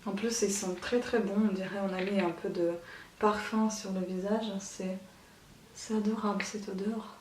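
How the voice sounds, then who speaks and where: Woman, soft voice, casual tutorial chat, hesitant; distant mic, roomy, loud hum behind. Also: mid-range voice, fairly even intonation. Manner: chatty, hesitant with many pauses. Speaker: beauty vlogger. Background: machine hum.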